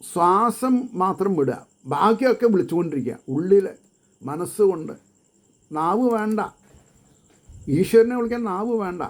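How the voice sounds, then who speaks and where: A man giving a devotional discourse, chanting verses slowly and then explaining them in quick bursts. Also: sits high, animated. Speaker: devotional speaker.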